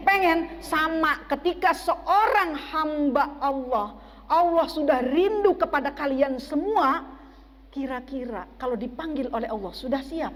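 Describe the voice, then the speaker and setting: Woman preacher, high voice, questioning her listeners, echo of a mosque hall. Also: measured pace. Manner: asks the audience questions and waits for replies. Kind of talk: sermon to a women's study group.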